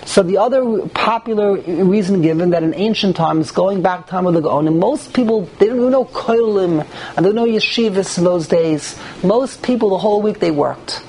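In this noisy live room recording, a man with a high, slightly mellow voice speaks at a moderate pace. He is a rabbi giving a religious class, lecturing the group informally while repeating phrases and posing rhetorical questions.

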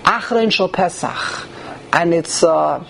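A rabbi's voice, on the high side and fairly bright with vocal fry, moves slowly but animatedly through an informal religious lecture to a group. He repeats phrases and asks rhetorical questions, and the room recording is noisy and live.

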